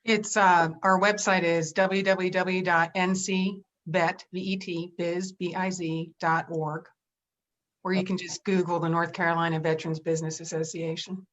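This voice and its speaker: A woman speaks for a veterans business group over a video call. Her voice is low and very flat, and the audio is dull. She talks slowly and carefully, spelling things out. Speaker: veterans business association representative. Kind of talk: webinar talk.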